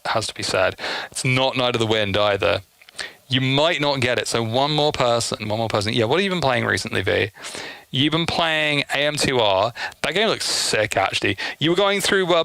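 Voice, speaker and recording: Hosting a live game stream, a man chats casually with his audience in a bright, medium-pitched voice marked by frequent vocal fry. He's effusive and swears a lot. The sound is dry, with no room sound.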